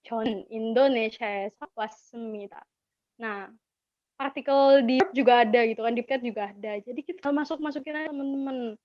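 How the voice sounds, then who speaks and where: Speaking fast in a slightly high voice, an Indonesian-accented webinar teacher gives an informal language lesson, warmly repeating important words for students. Slight background noise sits under the dull, lo-fi audio.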